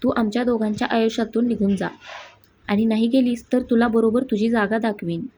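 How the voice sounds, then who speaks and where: Woman voicing a spoiled jealous young woman, husky, fiery, audio storybook. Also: a little high, steady tone, brisk. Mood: furious. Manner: angry, shouting.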